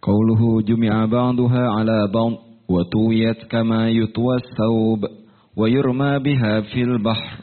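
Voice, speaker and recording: A man, a student, reading a text aloud in class slowly and carefully. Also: on the low side, fairly even intonation. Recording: distant tinny phone-like classroom recording.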